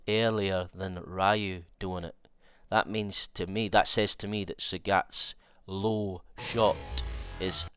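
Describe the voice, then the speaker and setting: A young man with a nasal voice and a cold, excitedly rambling through a fighting game trailer breakdown and thinking aloud with restarts. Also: low voice, a little hiss or hum. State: has a cold. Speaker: fighting game content creator.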